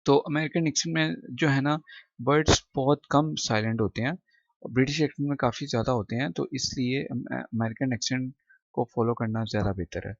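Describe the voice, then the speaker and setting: A man's voice: medium pitch, vocal fry, no echo. Male tutor, patient word-by-word explainer; dry, muffled voice-over. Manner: explains word by word, slow and deliberate when reading English lines. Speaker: English teacher. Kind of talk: screen-recorded textbook lesson. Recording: dull, dry close recording.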